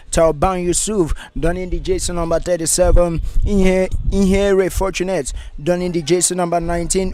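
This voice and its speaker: A man giving pre-match football commentary, formally reading out a team list in a steady rhythm. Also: high voice, a little hiss or hum.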